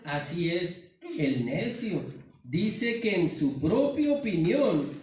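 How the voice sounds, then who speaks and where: A man's voice: high-pitched, very animated, takes it slowly, far from the mic. A man with a northern Mexican accent preaching a sermon in a church, earnest and constantly calling his listeners "hermano.". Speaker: pastor. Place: large church sanctuary. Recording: very echoey hall, voice from afar.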